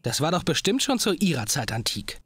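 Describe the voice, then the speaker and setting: A man's voice: a little high, big pitch swings, a little fast, background noise. An actor voicing a polite, eager teenage boy detective in a video game. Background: game music.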